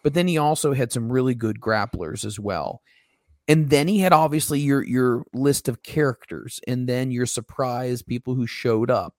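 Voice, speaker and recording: A man's voice: mid-range voice, a little mellow, dry recording, clean studio sound. A man hosting a wrestling podcast, chatting casually and with enthusiasm. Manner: enthusiastic wrestling fan, rambling. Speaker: podcast host.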